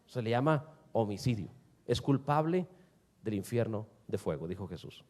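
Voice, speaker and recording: A man preaching a sermon to a congregation, asking them rhetorical questions and swinging between loud and soft. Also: fairly low pitch, very animated, normal speed. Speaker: pastor.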